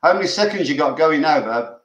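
An older man talks football in a loose, chatty way. He often restarts his sentences and cheers the team on. His voice sits a little high, and it comes through an echoey call line. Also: animated, brisk, a bit bright. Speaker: grandfather co-watching the match. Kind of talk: casual live football reaction chat.

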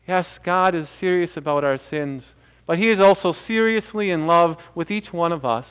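A middle-aged male pastor preaching a sermon in a church, earnest, with dramatic pauses and soft drops. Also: high voice, smooth. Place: church sanctuary before a seated congregation. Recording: tinny phone-like audio.

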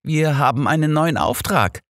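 A man voicing a sharp, know-it-all older detective who lectures his friend with smug superiority. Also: low-pitched, big pitch swings, measured pace, no room sound, studio quality, pitched above the performer's own voice. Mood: coaxing.

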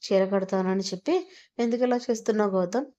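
A woman's voice: mid-range voice, fairly even intonation, fast talker, mellow, close to an everyday voice. A woman voicing a shy young wife who pleads and fakes annoyance, in a romantic audio story. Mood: pleading.

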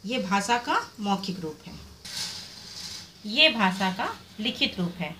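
A woman's voice: mid-range voice, sing-song, slow pace, noisy background. A woman teacher giving a recorded revision lesson, explaining step by step and answering her own questions. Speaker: Hindi teacher.

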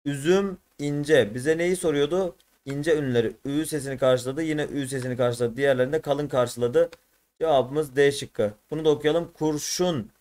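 Teacher, male, slightly high voice, tired, thinks aloud and self-corrects. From Turkey. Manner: thinks aloud, corrects himself mid-solution. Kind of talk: exam prep lesson.

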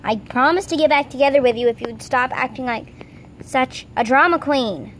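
A woman's voice: high voice, moderate pace, lightly acted. A woman voicing a patient but firm male horse in amateur toy role-play, reasoning and placating. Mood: exasperated. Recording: noisy handheld outdoor recording.

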